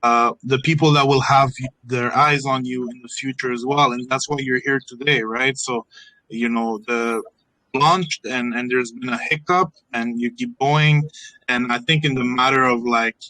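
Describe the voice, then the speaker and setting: A man's voice: mid-range voice, steady tone, normal speed, sharp tone, dry recording, rough recording. A man from Morocco, hosting an online AMA with enthusiasm, repeating words and joking. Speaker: AMA host.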